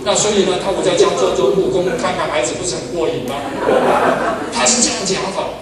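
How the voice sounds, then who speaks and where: An older pastor tells stories in his sermon and moves between loud, excited bursts and quiet asides. His voice sits high for a man and carries from a distance in a very echoey church hall. Steady background noise runs under it. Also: fast talker, over a noisy crowd. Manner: animated storyteller, swings from loud exclamations to soft asides. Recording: echoey hall, far from the mic, noisy.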